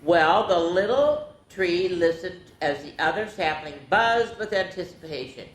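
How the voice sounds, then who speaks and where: A woman reads picture books to young children at a storytime, her voice on the low side and animated. Her delivery is slow and deliberate, broken up by chatty asides to the audience, and the echoey room carries a little background noise.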